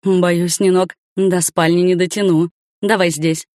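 A woman's voice: lowish voice, flat delivery, unhurried, darkish tone, dry recording, studio quality, natural voice. A woman voicing a bossy, self-satisfied middle-aged man who talks in curt orders. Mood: eager. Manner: curt, commanding.

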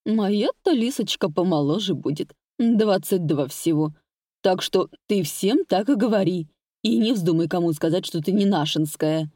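A woman's voice: fairly low pitch, animated, normal speed, warm tone, no echo, clean studio sound. A woman voicing a grumpy suspicious old woman. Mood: stern. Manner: gruff, scolding.

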